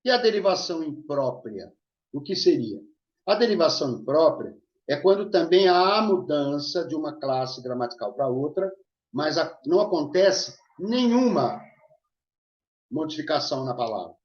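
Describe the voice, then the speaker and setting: A man's voice: on the high side, big pitch swings, normal speed. Man teaching grammar, echoey. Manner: explanatory, checks in with listeners often. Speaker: Portuguese teacher. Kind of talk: online grammar lesson. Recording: echoey room, dull lo-fi sound.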